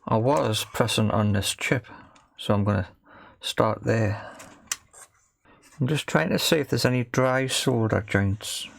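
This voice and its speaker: This man's medium-pitched voice has vocal fry, and he speaks at a measured pace, pausing often. He's an amateur making a repair video, muttering casual, hesitant and self-deprecating thoughts while he works with his hands. Faint background noise and workbench clicks come through.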